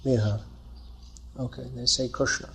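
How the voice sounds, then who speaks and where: A man's voice: medium pitch, moderate pace, vocal fry, darkish tone, a little hiss or hum. A man leading a scripture class, answering audience questions and explaining by thinking aloud.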